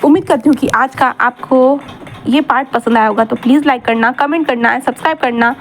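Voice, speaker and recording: A woman's voice: high voice, brisk, slight background noise. A woman narrating a fan story in a casual, chatty way, rambling and correcting herself as she goes.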